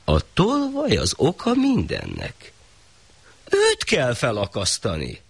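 A man's voice: medium pitch, huge pitch swings, creaky, husky, dry recording, voice pushed up, full character voice. A man voicing a foolish, hot-tempered old shah in a folk tale, speaking in an imperious, pompous way.

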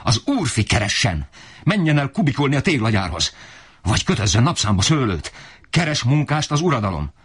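A man voicing an enraged, desperate poor father who shouts in fury. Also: lowish voice, sing-song, husky, pitched above the performer's own voice, exaggerated voice. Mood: raging. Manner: shouting, raging.

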